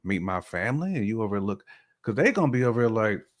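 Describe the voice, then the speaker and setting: Fast-talking and very animated, another male podcast co-host shares a man's perspective on a talk show. His pitch is fairly low, and he delivers his views casually in slangy, everyday speech.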